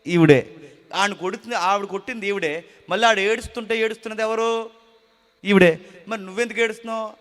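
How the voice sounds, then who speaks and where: A man preaching a sermon, swinging between loud exclaiming and low murmured asides.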